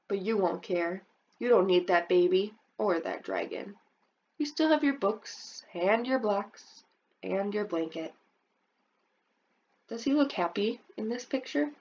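In a lo-fi recording, a preschool teacher reads a picture book to children, regularly asking questions about the images and using a higher voice for the characters' dialogue.

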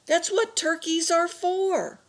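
A woman's voice: medium pitch, very animated, moderate pace. A woman voicing a stern, practical grandmother in a read-aloud storybook, matter-of-fact and bossy.

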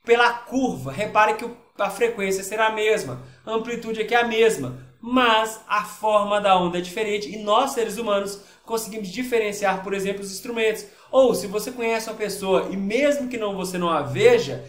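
A man's voice: high voice, fairly quick, hardly any pauses, a bit bright, roomy sound. A man with a Brazilian Portuguese accent, a physics teacher talking casually through worksheet exercises in an online lesson and often checking in with his students.

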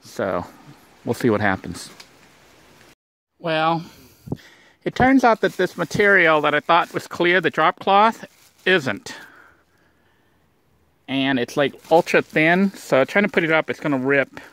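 A man's voice: fairly high pitch, very animated, slow pace, pauses often, sharp tone, no echo. A man narrating a casual outdoor vlog, rambling and thinking aloud with lots of fillers, recorded on a handheld camera. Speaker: vlogger building a shelter. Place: outdoors in brush.

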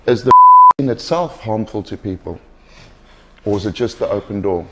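Low-voiced, commanding deliverance minister, man. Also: normal speed, noisy background. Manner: insistent, commanding, repeats questions and phrases. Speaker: exorcist minister. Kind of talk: deliverance session questioning. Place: small furnished indoor room.

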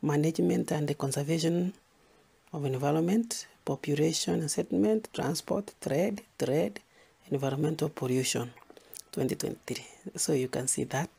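A man's voice: on the high side, normal speed, gravelly, dark tone, breathy edge. A man from Kenya giving an exam revision lesson, listing topics and repeating key points for emphasis. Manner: repetitive, emphatic, lists topics. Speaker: teacher.

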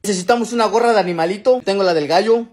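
A man with a Mexican Spanish accent narrating mock tutorials in a deadpan, step-by-step way. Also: sits high, very fast. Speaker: comedy creator.

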